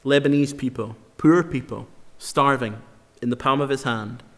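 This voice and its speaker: A man preaching a sermon in an earnest, emphatic way, slowing down to repeat key phrases for weight. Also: medium pitch, fairly bright tone. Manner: earnest, emphatic, with slow dramatic repetitions. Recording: long hall reverb.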